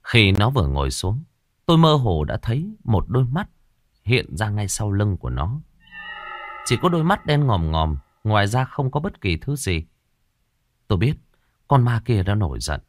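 A man telling a ghost story with dramatic flair. His pitch moves a lot as the tension builds, and the recording is dry and close, with no room sound. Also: normal speed, pauses often, no echo. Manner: dramatic, expressive. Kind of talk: horror story narration.

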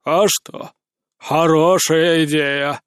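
A man voicing a slow, gruff male president who gives orders in a low, deliberate drawl. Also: fairly even intonation, no echo, clean studio sound. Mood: commanding.

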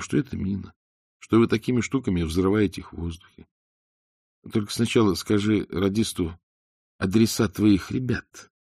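A fearless spy speaks with cool, measured menace, as a male reader puts him on. His voice sits low and even, and the sound is dry and close. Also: vocal fry, slightly rough, no room sound, heavily acted. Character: cold, unafraid male spy, taunting calmly.

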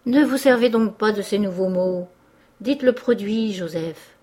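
A woman voicing a shrewd, exuberant old male cloth merchant who talks in a hearty, animated, lecturing way. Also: mid-range voice, measured pace, natural voice.

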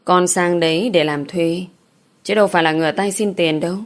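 Defiant young village daughter, sharp retorts, lowish voice, read by a woman. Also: fairly even intonation, fairly quick, natural voice. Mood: pleading.

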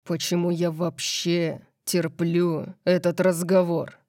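Woman doing gruff brooding male vampire. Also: little pitch movement, takes it slowly, a little mellow, no echo, clean studio sound. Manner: low, rough, clipped.

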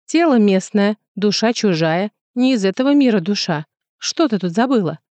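A grumpy furry little male house spirit snaps and sneers, as a woman reads him with a gruff, scolding edge. The voice is mellow and dry, recorded close with no room around it. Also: mid-range voice, animated, moderate pace, dry recording, close to an everyday voice. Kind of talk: audiobook character voice.

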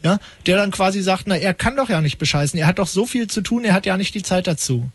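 A man hosts late-night call-in radio in a high, breathy voice. He rambles with mock-pompous irony, recorded close and dry in the studio. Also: expressive, quick pace, dry recording.

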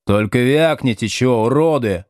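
A man voicing a small red-haired teenage troublemaker with a hoarse, pirate-like voice and a rude, defiant manner. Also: mid-range voice, moderate pace, darkish tone, no echo, clean studio sound, natural voice.

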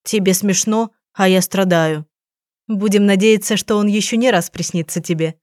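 A woman reading an audiobook, voicing a young woman detective who speaks in a brisk, teasing manner. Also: medium pitch, a little mellow, no echo, studio quality, lightly acted. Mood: wry.

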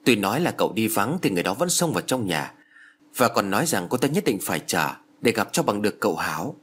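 A meek maid who hurries through her apologetic explanations, as a male narrator voices her. The voice is husky and only lightly changed. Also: lowish voice, big pitch swings, fast talker, a bit bright, exaggerated voice. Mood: timid. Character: timid female house servant, apologetic.

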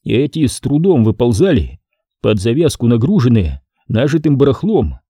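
A man narrating a detective audiobook in the first person, with wry, lively storytelling. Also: medium pitch, moderate pace, slightly rough, no room sound, studio quality. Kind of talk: scripted narration.

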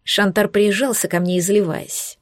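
A woman's voice: medium pitch, steady tone, moderate pace, dry recording, studio quality. A woman narrating a romance novel in the first person, in a sensual, intimate reading. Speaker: audiobook narrator.

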